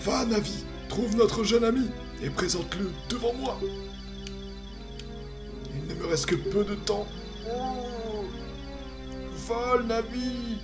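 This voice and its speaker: A man's voice: extremely high pitch, takes it slowly, pauses often, music in the background, pitched above the performer's own voice, heavily acted. A man voicing an ancient, solemn tree guardian of the forest from a video game, declaiming in a strained elderly voice. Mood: solemn, urging. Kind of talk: improvised video game dubbing.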